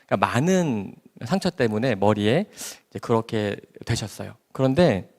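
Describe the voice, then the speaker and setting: Male doctor giving a church testimony, lively rising and falling pitch, long hall reverb. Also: normal speed. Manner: emotional, animated storytelling.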